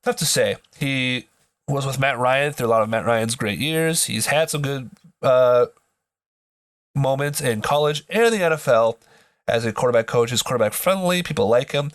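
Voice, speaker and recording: A man's voice: mid-range voice, no echo, clean studio sound. A man hosting a sports podcast in casual commentary, his voice nasal from a blocked nose, as if pinching it, with joking asides.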